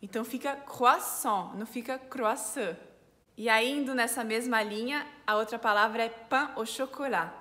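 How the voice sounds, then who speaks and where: A woman with a Brazilian Portuguese accent, a French teacher, explaining pronunciation clearly step by step. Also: fairly high pitch, fairly even intonation, brisk, hardly any pauses, fairly bright tone, in a large hall. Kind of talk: pronunciation lesson.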